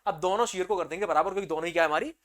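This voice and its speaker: A male teacher giving an exam-prep engineering lecture, calling students "beta" and asking and answering his own questions, with energetic swings into loud excitement. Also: high voice, racing.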